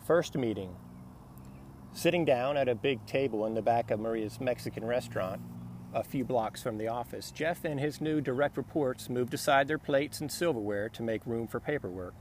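Steady man narrating a novel. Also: mid-range voice, normal speed, a little hiss or hum. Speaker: audiobook narrator. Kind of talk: scripted narration.

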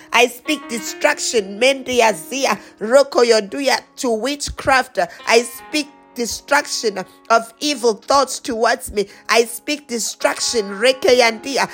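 Woman prayer leader, high voice, fervent slow declarations in tongues over faint music. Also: a bit bright. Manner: slow, rhythmic, repeated declarations.

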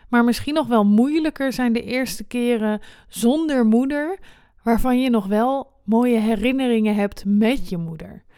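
A woman's voice: mid-range voice, mellow, smooth, no echo, clean studio sound. A woman in her twenties hosting a personal podcast, speaking candidly and swearing freely. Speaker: podcast host.

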